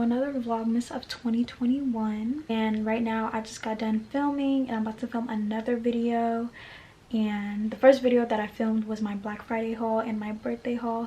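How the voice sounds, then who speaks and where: A young woman vlogging at home, chatting excitedly with her viewers while holding the camera and a little out of breath. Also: on the high side, slight background noise. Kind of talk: casual vlog chat. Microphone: handheld camera mic.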